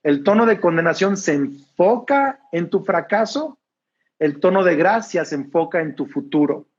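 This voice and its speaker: A man's voice: high voice, lively intonation, moderate pace, breathy edge, lo-fi sound. A Mexican man who is a preacher, talking casually in an interview with a smiling, laughing tone. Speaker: preacher, guest.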